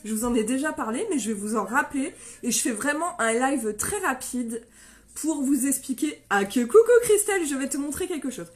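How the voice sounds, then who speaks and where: A woman in her thirties, chatty and excitable on a live stream, greeting viewers by name while her nose is stuffed up from a sinus infection. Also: high-pitched, brisk.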